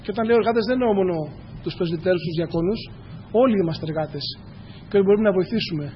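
A man with a high-pitched voice preaches a church sermon straight to his congregation, earnest and repetitive. The echoey hall gives the recording a dull, lo-fi quality, with slight background noise underneath.

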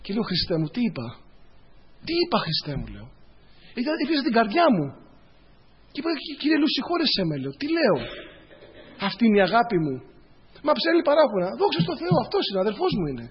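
A man's voice: very high voice, wildly swooping pitch, pauses often, lo-fi sound. A man preaching a sermon, addressing the congregation as brothers, telling personal stories and repeating phrases for emphasis.

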